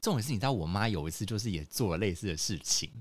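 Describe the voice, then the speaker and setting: A man's voice: lowish voice, lively intonation, racing, dry recording. A man with a Taiwanese Mandarin accent, co-hosting a casual chat podcast, laughing easily and poking fun at himself. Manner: giggly, self-deprecating. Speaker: podcast co-host.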